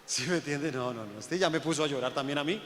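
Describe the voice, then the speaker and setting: Animated preacher in echoey hall. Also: male voice, quick pace, a little hiss or hum. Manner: animated, swings from loud calls to low asides, acts out voices. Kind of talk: sermon.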